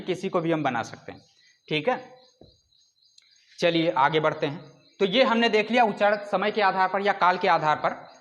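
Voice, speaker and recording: A man with a notably high speaking voice gives a classroom lecture. He asks questions of his listeners and answers them himself, and he draws out sounds to demonstrate them. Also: fairly bright tone. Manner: explains with rhetorical questions and drawn-out calls. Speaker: teacher.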